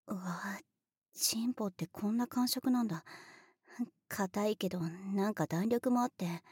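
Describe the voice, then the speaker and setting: A brash, tomboyish big sister who talks down to you with blunt, boyish bossiness and teasing laughs, as a young woman acts her out. The voice sits at an ordinary middle pitch and is recorded very dry and close, with no room sound. Some lines drop into a hushed whisper. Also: dry recording. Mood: brash, boastful. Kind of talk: adult audio role-play drama, partly whispered.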